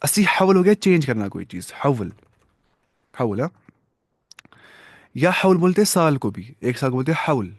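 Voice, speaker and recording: A man's voice: mid-range voice, very animated, long pauses, dry recording. Guy teaching a language class, asks students questions and says well done a lot, dry close sound. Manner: quizzes students patiently, praises answers; mixes English words into explanations. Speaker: Arabic teacher. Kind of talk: classroom-style language lesson.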